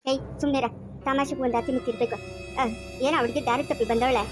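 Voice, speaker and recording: A woman's voice: high voice, steady tone, quick pace, over music, pitched below the performer's own voice, lightly acted. A woman voicing a betrayed middle-aged wife and mother who speaks in a curt, bitter, scolding way. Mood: scornful. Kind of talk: amateur family drama acting.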